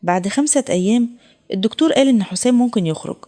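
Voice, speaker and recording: A woman's voice: fairly high pitch, expressive, rapid-fire, dark tone. A woman with an Egyptian accent narrating a heartfelt first-person story. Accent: Egyptian Arabic.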